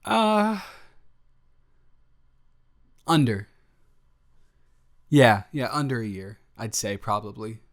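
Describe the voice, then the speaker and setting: Here the same kind of goofy, excitable, affectionate boyfriend character is voiced by a young man in improvised roleplay, his chatter effusive, slangy, rambling and full of stumbles. He speaks slowly in a mid-range voice with frequent pauses, coming across flustered and affectionate.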